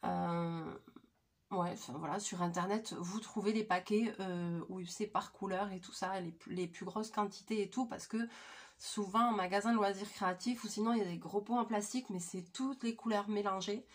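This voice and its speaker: A woman in her thirties with a voice hoarse from flu, chatting informally and with slang as she presents a craft tutorial. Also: mid-range voice, fairly even intonation, moderate pace. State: hoarse, croaky from flu, coughing. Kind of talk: casual craft tutorial chat. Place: small attic room indoors.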